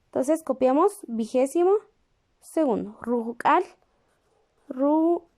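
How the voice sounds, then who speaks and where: Slow, patient woman teaching a class. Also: high voice, expressive, dark tone. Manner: patient, repeats each word slowly for copying; checks in with the class through questions. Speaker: language teacher. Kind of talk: slow classroom lesson, writing while explaining.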